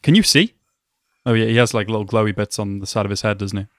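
A young man reacting to an anime episode at home, talking excitedly and exclaiming often. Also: fairly low pitch, fast. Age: young adult. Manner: animated, exclaims and laughs often. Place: small room at home.

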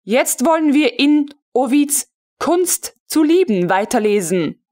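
A woman reading a jealous, imperious young female colonel in an audiobook, scolding sharply in a high voice. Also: sing-song, slow pace, a little mellow, full character voice.

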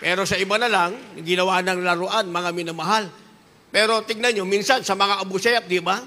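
A woman's voice: mid-range voice, fairly even intonation, fairly quick, sharp tone, big-room sound, slight background noise. A woman preacher giving an impassioned sermon, fervent and repetitive, slipping between languages. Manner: fervent, repeats "beloved" refrain, switches into English.

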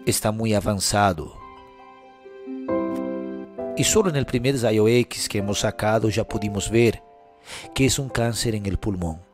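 A man voicing a calm, somber doctor who delivers bad news slowly and gravely, with music behind. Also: on the low side, lightly acted. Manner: slow, grave, measured.

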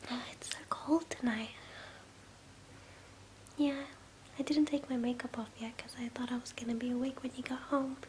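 Whispered role-play, young woman, sleepy loving girlfriend, intimate, soothing, close mic, clear background hiss. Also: fairly high pitch, fairly even intonation, moderate pace, pauses often, darkish tone. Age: 20s. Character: sleepy, affectionate girlfriend comforting her partner in bed. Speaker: ASMR performer. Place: small bedroom, indoors. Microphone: close to the mouth.

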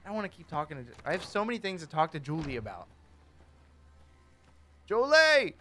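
Goofy, lively man playing a game. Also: on the high side, racing, a little hiss or hum. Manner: goofy, rambling, jokey, talks to characters. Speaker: gaming streamer. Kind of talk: casual gameplay commentary.

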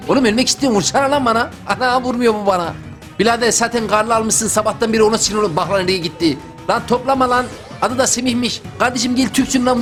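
Casting note: young male gaming YouTuber, high voice, excitable and slangy, faint music behind. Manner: excitable, slangy, talks to himself and viewers. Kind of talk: live gameplay commentary.

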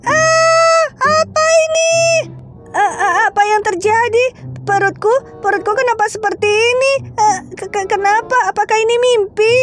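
A woman's voice: very high voice, moderate pace, loud music behind the voice, voice pushed up. A woman voicing a frightened young woman going into labor, stammering and frantic, for a game drama. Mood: panicked.

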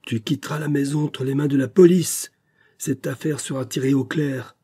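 A man reading aloud plays an outraged middle-aged banker father who shouts accusations at his son. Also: on the low side, fairly quick, husky.

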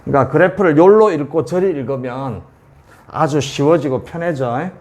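A male math tutor gives a whiteboard calculus lesson in a fairly high, slightly mellow voice at a moderate pace. He repeats values and checks often that his students are following along.

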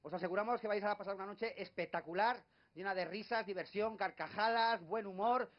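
A man's voice: sits high, brisk, dull audio. A man with a Spanish accent telling wry comic stories in a stand-up routine on a club stage. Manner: wry storytelling. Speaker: comedy duo host.

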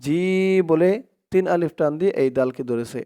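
A man teaching Arabic recitation in a slow lesson, spelling out each letter and vowel mark, then chanting the whole word. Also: fairly high pitch, warm tone, smooth.

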